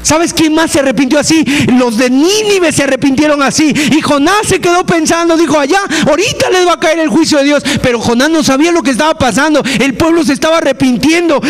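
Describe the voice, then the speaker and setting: Guy preaching a sermon, really high voice, keeps throwing questions at the crowd. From Mexico. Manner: emphatic, with many rhetorical questions to the listeners.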